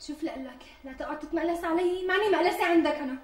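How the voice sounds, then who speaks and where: An actress playing a pampered, demanding young pregnant wife with a Syrian Damascene accent, wheedling and quick to take offence. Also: female voice, sits high, close to an everyday voice. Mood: insistent. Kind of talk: TV sketch acting. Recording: distant mic with faint music.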